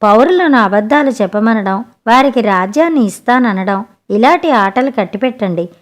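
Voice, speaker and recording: Calm, cunning royal guru for a bedtime storybook, read by a woman narrator in a slightly raised register. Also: fairly high pitch, moderate pace, natural voice. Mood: composed.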